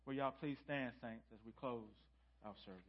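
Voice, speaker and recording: A man speaking as a pastor, exhorting his congregation in deliberate phrases in a church service. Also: mid-range voice. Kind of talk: church sermon and benediction. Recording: dull lo-fi sound, music behind. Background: music.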